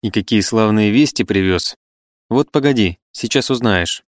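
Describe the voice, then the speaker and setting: A man's voice: lowish voice, normal speed, dry recording, clean studio sound, lightly acted. A man reading the part of a jovial middle-aged landowner bursting with good news. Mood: joyful. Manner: loud, joyful calling out.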